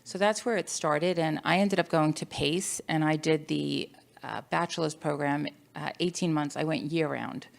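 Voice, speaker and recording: Speaking at normal speed in a gravelly, low-pitched voice, a middle-aged alumni panelist recounts her own story with emphasis and storytelling flair, often quoting what she said.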